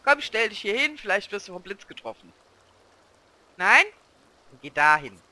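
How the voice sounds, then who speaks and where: A woman's voice: mid-range voice, sing-song, normal speed, bright, forceful tone. A woman hosting a let's play, commenting on her game through a headset and chatting to the characters, urging and grumbling at them. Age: adult with a child.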